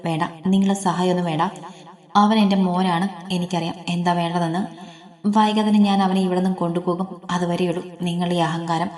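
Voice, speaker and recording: A woman's voice: on the low side, flat delivery, fairly quick, a little mellow, roomy sound, lightly acted. Woman voicing a bitter, defensive young mother. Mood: defiant. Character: young mother, sharp and defensive, quick to blame.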